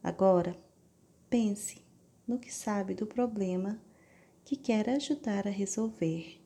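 A woman guiding a meditation in a slow, soft voice that drifts into half-whispers. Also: mid-range voice, gravelly. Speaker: meditation guide. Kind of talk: guided meditation.

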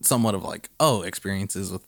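A man's voice: sits low, fairly quick, very noisy. A young man co-hosting a casual podcast, chatty and teasing, often giggling. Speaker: podcast co-host. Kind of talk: casual chat.

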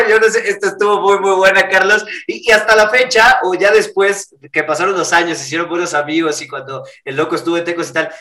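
A man's voice: sits high, sharp tone, roomy sound. A man hosting a radio interview, upbeat and full of praise. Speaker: radio show host.

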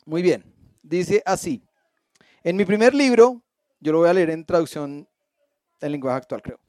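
A man with a high-pitched voice leads a church Bible study, recorded close and dry. He keeps checking in with his listeners through questions as he reads and explains, and he slips in playful jokes. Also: a little slow, mellow, no echo. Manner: asks the audience frequent questions; reads a passage aloud and stops to explain.

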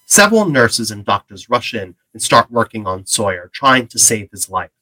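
A man's voice: fairly low pitch, big pitch swings, normal speed, bright, forceful tone, dry recording, rough recording. A man delivering scripted dramatic narration for an audio drama, with music behind him. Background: background music.

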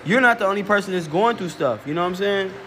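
Man, high-pitched, cussing and rambling, show host, faint traffic outside. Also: animated, fast talker, a bit bright. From Chicago. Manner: profane, rambling storytelling. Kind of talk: casual monologue.

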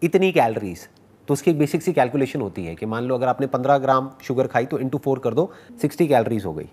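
A man speaking at a medium pitch, with a lively, swinging intonation. He gives motivational life advice to an audience and answers their questions. He teases his questioners playfully and drops English phrases into his Hindi. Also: quick pace, breathy edge. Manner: animated and teasing, mixes English phrases into Hindi. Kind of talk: motivational talk with live Q&A.

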